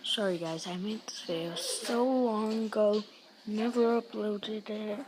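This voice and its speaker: A woman's voice: mid-range voice, fairly even intonation, a little slow. A woman chatting casually and informally to viewers in a rambling amateur vlog, on a homemade recording. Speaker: amateur vlogger. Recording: noisy home recording with clicks.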